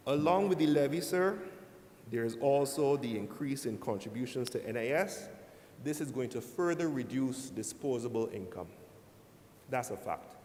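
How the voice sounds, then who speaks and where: A man's voice: lively intonation, darkish tone. Echoey formal senator speech from a man. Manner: measured, deliberate address to the chair, frequently saying "sir". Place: large indoor legislative chamber. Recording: echoey hall, rumbling background noise.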